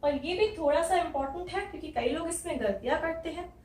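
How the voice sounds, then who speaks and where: A woman's voice: very high-pitched, fast, darkish tone. A woman from India teaching English letter sounds, patiently repeating each sound step by step. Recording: echoey room, voice from a distance.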